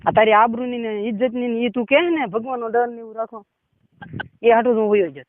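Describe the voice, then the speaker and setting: A man's voice: very high voice, fairly even intonation, a little fast, no echo. A man presses his point on a phone call, pushy and insistent. The sound is tinny and narrow like a phone line, and completely dry. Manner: pushy, insistent, repeats "બરોબર?". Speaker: caller.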